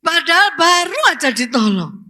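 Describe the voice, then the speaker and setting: A woman's voice: very high voice, very animated, normal speed, pushed and bright. A woman pastor, preaching a sermon and asking the congregation questions, rising to emphatic exclamations.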